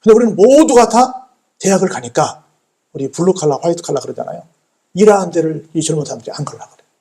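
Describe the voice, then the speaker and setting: A man's voice: on the high side, animated, fast, warm tone. A man, a pastor, preaching a sermon, asking rhetorical questions and answering them, repeating phrases for emphasis. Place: church sanctuary.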